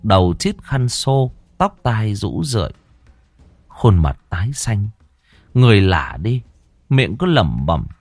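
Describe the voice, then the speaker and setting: A man's voice: lowish voice, sing-song, slow pace, no echo. A man narrating a scripted audiobook in a solemn, dramatic storytelling manner. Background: soft background music.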